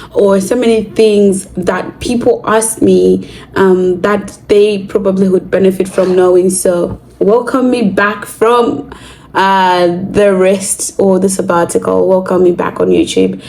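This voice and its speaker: A young woman from Zimbabwe talks to camera in a casual vlog. Her voice is mellow and warm, and she sounds earnest and thoughtful. A faint hiss sits under the recording. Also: medium pitch, creaky, low-quality recording. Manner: earnest, reflective, with fillers. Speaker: vlogger.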